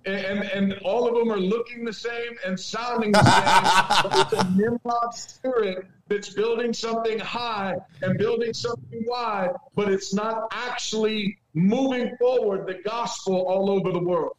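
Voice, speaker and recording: A man's voice: high voice, steady tone, a little slow, rough recording. A man preaching with passion and emphatic repetition. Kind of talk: impassioned preaching.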